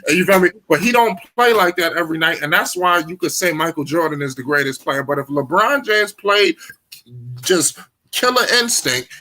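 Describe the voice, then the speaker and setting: A man in his late twenties hosting a casual sports debate, animated, swearing freely and cutting in. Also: fairly high pitch, normal speed. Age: 20s. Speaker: show host.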